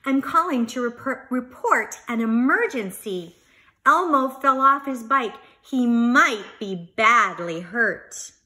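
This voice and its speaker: An earnest young monster boy , played by a woman reader, tells his storybook tale with excitable emphasis. The voice is bright and a bit high, swinging widely in pitch and taking its time over the words. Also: slow, exaggerated voice. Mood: urgent, earnest. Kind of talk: children's storybook narration.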